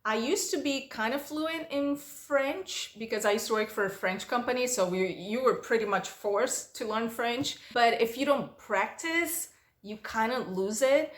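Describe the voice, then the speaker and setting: In an echoey room, a woman speaks at a measured pace with a fairly high pitch. She's a Portuguese-native vlogger doing a casual Q&A, reading out questions and answering with chatty stories.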